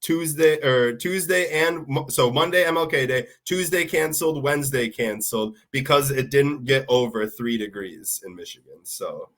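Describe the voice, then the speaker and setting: A man's voice: mid-range voice, moderate pace, hardly any pauses, fairly bright tone. A man hosting a casual podcast chat while sick, his voice nasal, talking in an upbeat, rambling way. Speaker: podcast host.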